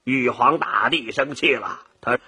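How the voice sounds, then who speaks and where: A man narrating a children's story in a playful, expressive way. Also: sits high, slow, husky.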